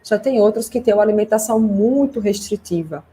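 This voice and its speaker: A woman's voice: medium pitch, a little fast, dark tone, a little hiss or hum. A woman host and speech therapist giving a casual, reassuring consultation over a video call, talking freely with lots of fillers. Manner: chatty, reassuring, many fillers like "né".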